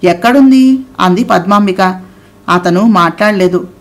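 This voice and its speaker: A woman narrating an audio novel in a steady storytelling read. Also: medium pitch, normal speed.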